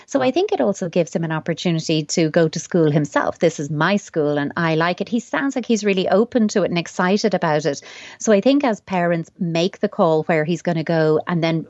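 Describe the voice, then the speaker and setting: A woman's voice: on the low side, animated, a little fast, darkish tone, no echo, muffled recording. A woman, a child psychotherapist, giving advice on a radio show in long, thoughtful explanations.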